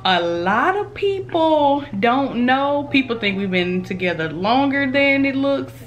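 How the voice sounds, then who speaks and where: A woman's voice: sits high, very animated, measured pace, highs cut off. A woman in her thirties co-hosting a vlog, chatting casually, laughing and jumping in often. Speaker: vlog co-host. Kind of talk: casual storytime chat.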